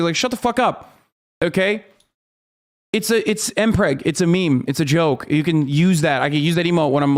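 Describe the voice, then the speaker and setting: A man in his thirties ranting with exasperation as he reacts to a clip on a livestream, swearing often and slipping into mocking outrage. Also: a little high. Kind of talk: casual livestream reaction commentary.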